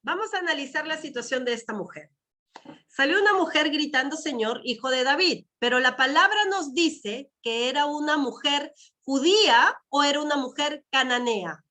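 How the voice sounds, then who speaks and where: A woman's voice: high voice, expressive, moderate pace, sharp tone. A woman preaching a sermon over a video call with earphones, repeating her phrases, asking the congregation questions and saying amen between points. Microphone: wearing earphones with a mic.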